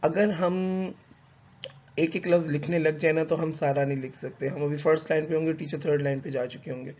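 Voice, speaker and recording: A man's voice: fairly high pitch, steady tone, darkish tone. A male teacher explaining a lesson in a conversational, hesitant way, with fillers and self-corrections. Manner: reads English slowly, then explains in conversational Hindi mixed with English. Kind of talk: explanatory lecture. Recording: dull lo-fi recording.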